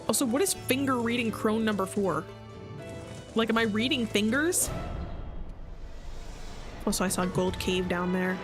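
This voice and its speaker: A woman's voice: medium pitch, moderate pace, long pauses. A young woman streaming a video game, chatting casually and jokingly with her chat. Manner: chatty, jokey, rambling asides to chat. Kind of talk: casual livestream chat while playing. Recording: game stream with loud music behind.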